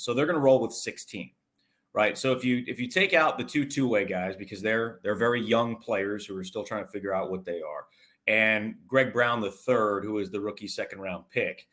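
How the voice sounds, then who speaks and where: Here a man's voice sits on the low side with a touch of brightness. Appearing as a guest in an interview, he breaks down sports conversationally, and he's chatty and thorough, with long, detailed explanations.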